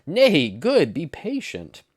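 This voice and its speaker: A man's voice: on the high side, huge pitch swings, takes it slowly, breathy edge, no echo, clean studio sound, voice pushed up, exaggerated voice. A man reading an old long-winded counselor. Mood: pleading. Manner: raised, declamatory Shakespeare reading. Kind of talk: amateur Shakespeare read-aloud.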